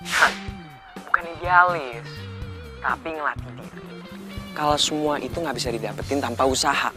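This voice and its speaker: A man's voice: medium pitch, over music, close to an everyday voice. A young actor with a Jakarta accent playing a blunt, hot-tempered male driver who talks in brash slang. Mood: calm. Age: young adult. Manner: quick to snap, brash slang.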